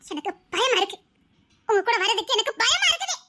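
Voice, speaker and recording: A woman voicing a young bride who defies her quick-tempered husband in a dubbed serial drama, with nervous laughter. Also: very high voice, sing-song, pushed and bright, heavily acted. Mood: fearful.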